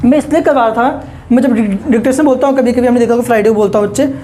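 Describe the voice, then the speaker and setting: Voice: medium pitch, racing, warm tone, a little hiss or hum. A woman teaching a basic English lesson to children. She explains patiently, repeats points, quizzes her listeners and keeps calling them "kids", mixing English terms into her speech.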